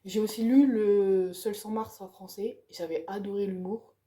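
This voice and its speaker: A woman's voice: mid-range voice, fairly even intonation, moderate pace, dark tone. A woman chatting casually and enthusiastically about the books on her reading pile. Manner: chatty, enthusiastic, ends phrases with "quoi". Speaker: book vlogger.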